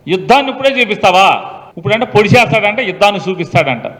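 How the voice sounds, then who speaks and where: A man politician giving a forceful public speech, taunting and mocking as he talks. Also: high voice, lively intonation, racing, long reverb tail, poor audio.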